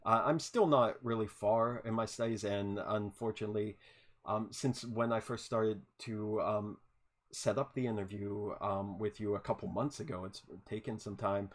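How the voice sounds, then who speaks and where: A lowish, fairly evenly intoned male voice at a moderate pace belongs to a podcast host running a casual video-call interview. Enthusiastic, he often stammers and says words twice.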